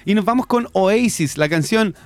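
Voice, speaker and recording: Lively man co-hosting radio. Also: high voice, normal speed. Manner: lively, explanatory, switches between Spanish and English. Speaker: radio show co-host. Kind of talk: bilingual educational radio chat about English accents. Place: radio studio.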